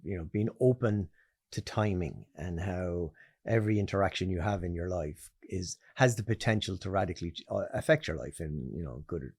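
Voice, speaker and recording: Low-voiced Irish man hosting a chat. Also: animated, normal speed, vocal fry, darkish tone, slightly rough, dry recording, studio quality. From Ireland. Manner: rambling, restarts phrases while thinking aloud. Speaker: podcast host. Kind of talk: conversational interview.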